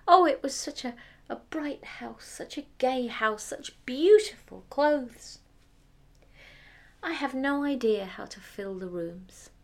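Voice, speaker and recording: A woman's voice: sits high, lively intonation, slow pace, creaky, pitched above the performer's own voice, full character voice. Woman doing a gushing vain young princess. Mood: wistful. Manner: gushing and showy.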